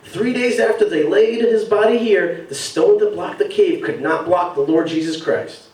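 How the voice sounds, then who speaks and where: A man's voice: high voice, unhurried, dark tone, recorded from a distance. A man mimicking a fervent male tourism-ad narrator with an affected accent, gushing and over the top, in an echoey hall.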